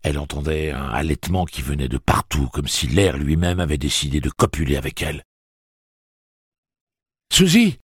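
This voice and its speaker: A man reading a dark fantasy audiobook in an expressive storytelling manner. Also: rumbling low, a little fast, hardly any pauses, breathy edge, no room sound, studio quality. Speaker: audiobook narrator. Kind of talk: dramatic audiobook narration.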